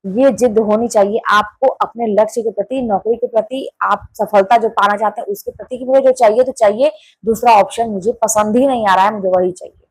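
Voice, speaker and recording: A woman's voice: medium pitch, steady tone, brisk, breathy edge, dry recording, low-quality recording. A woman giving an earnest, insistent motivational talk to her channel's viewers, repeating her points for emphasis. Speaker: motivational YouTuber. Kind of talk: casual motivational talk to camera.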